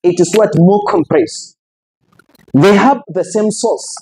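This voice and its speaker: Man, nigerian hausa accent, tajweed teacher, slow deliberate delivery, husky voice, dry sound. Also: high voice, sing-song, a little mellow, dry recording, poor audio. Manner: asks the class questions and answers them himself, repeats sounds for drill. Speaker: Quran recitation teacher. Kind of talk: tajweed lecture. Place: mosque hall.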